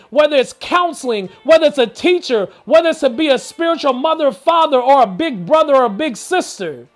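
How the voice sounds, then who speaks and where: A man hosting an inspirational video, telling a story and then urging listeners, in an earnest, preacher-like way. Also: extremely high pitch. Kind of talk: motivational storytelling talk.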